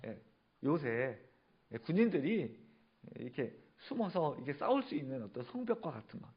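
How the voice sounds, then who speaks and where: A man's voice: on the high side, big pitch swings, normal speed, breathy edge, lo-fi sound. A male pastor preaching a sermon, asking the congregation questions and answering them himself. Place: church sanctuary.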